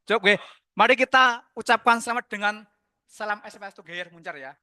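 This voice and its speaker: Middle-aged Javanese-accented male teacher, lively chatty Zoom host, high crisp voice. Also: a little fast, no echo, studio quality. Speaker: teacher hosting a school Zoom session. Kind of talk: casual hosting over Zoom.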